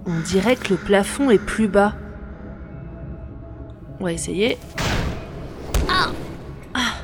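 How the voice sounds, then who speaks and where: A woman's voice: mid-range voice, lively intonation, slow pace. A woman dubbing a game's heroine, who trips over her words and jokes about the slips, with game music playing behind her. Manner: stumbling on words, self-mocking. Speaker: fan dubber playing the heroine. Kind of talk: game fan dub with asides.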